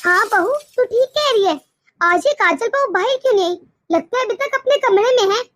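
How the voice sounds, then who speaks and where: A woman's voice: extremely high pitch, expressive, normal speed, fairly bright tone, no room sound, studio quality. A woman voicing a bossy, controlling middle-aged mother-in-law in a cartoon, with a grumbling, scolding manner. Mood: agreeable. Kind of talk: cartoon voice acting.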